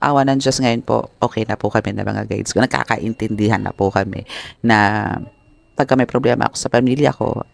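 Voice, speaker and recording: A man giving a tarot reading to his viewers, polite and expressive, mixing English phrases into his speech. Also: on the low side, fairly quick, vocal fry. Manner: polite, addresses viewers with respectful terms; expressive, exclamatory. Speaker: tarot reader.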